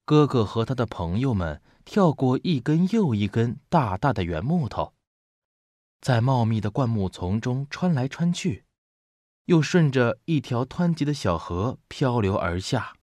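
A man narrating a children's picture book aloud as a voice teacher, in an expressive storytelling manner. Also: mid-range voice, unhurried, dry recording.

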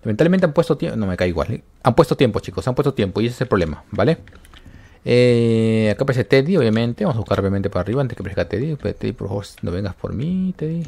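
A man giving excited commentary on a horror game, yelping and repeating words when scared. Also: lowish voice, fast, vocal fry. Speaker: gaming YouTuber.

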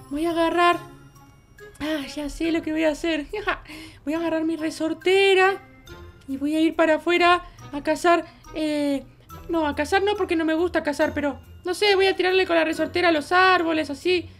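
A woman's voice: steady tone, normal speed, soft background music. A woman voicing a mischievous runaway baby boy in a Minecraft roleplay, chatting to the viewers as he sneaks around. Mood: sneaky. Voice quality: squeaky childlike voice. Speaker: roleplay channel performer.

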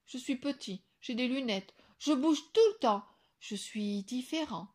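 A woman's voice: sits high, unhurried, a little mellow, pitched above the performer's own voice. A woman voicing a small, restless male wolf cub who speaks in an eager, bouncy way. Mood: lively.

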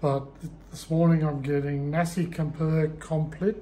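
A man's voice: fairly high pitch, measured pace, slight background noise. A man, chatting casually and chuckling as he talks in a travel vlog. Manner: relaxed, chuckling. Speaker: travel vlogger.

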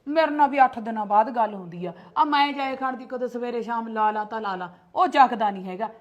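A woman plays a protective, sharp-tongued mother in a homemade family skit, speaking with a Punjabi accent. Her voice sits a little high, and she argues and scolds, defending herself at every turn. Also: brisk, muffled recording, natural voice. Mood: explaining. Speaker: sister-in-law.

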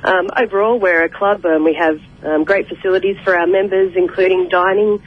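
A woman's voice: lowish voice, steady tone, a little fast. A woman speaking by telephone in a radio interview, polite and hesitant with many fillers. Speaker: sports club representative. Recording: muffled phone line.

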